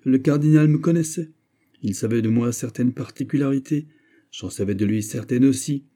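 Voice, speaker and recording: A man's voice: mid-range voice, normal speed, pitched above the performer's own voice, close to an everyday voice. A man reading an audiobook and voicing a bold, mocking middle-aged male musketeer. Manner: lively, boastful, mocking. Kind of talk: audiobook character voice.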